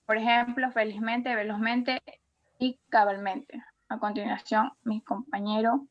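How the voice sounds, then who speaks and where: A woman with a somewhat high voice reads her part of a class presentation, carefully and evenly, as if from a script. The audio is dull and lo-fi. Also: a little slow. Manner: careful, even reading of a script. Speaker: student presenter.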